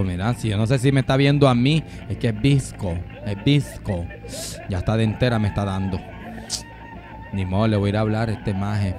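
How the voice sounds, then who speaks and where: A man's voice: lowish voice, warm tone. A man with a Nicaraguan Spanish accent giving comic, gossipy commentary, mocking what he watches.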